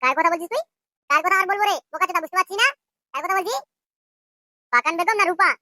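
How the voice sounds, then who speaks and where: A shrill, very high cartoon tough spits insults and threats at a racing clip. The voice is bright and sharp, recorded close and dry with no room around it. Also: no room sound, exaggerated voice. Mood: scolding. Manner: abusive, shouting, quick insults. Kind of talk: cartoon voice acting.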